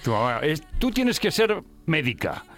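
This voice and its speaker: A man's voice: a little high, big pitch swings, unhurried, a bit bright, faint music behind. A man working as a radio host, interviewing a guest in a playful, teasing way and often repeating words as he starts a sentence.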